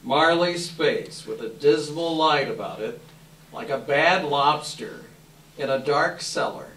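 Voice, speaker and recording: A man's voice: fairly high pitch, expressive, slow, fairly bright tone. A man reading scripted story narration aloud as part of a readers theater. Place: live indoor readers theater event. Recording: distant mic, echoey room, hiss.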